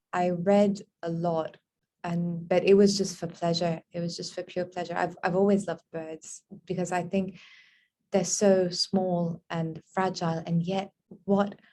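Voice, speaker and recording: A woman from Lebanon with a fairly low voice and a dark, mellow tone answers book club questions over a video call. She muses as she talks, fills her pauses with soft hums and now and then lights up with wonder. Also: a little hiss or hum. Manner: reflective and musing, with many soft fillers; bursts of wonder and excitement. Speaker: author being interviewed.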